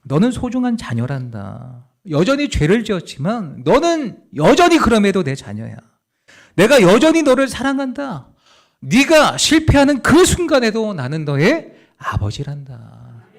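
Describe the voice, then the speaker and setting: Male pastor doing the Holy Spirit in a sermon: gentle, fatherly, slow reassurance, gravelly edge. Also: high-pitched, wildly swooping pitch, voice pushed up, full character voice. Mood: tender.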